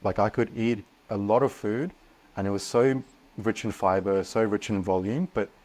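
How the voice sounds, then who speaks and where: Earnest man, lower voice. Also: moderate pace. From Australia. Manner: earnest, animated, frequent restarts. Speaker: guest. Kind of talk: casual podcast interview.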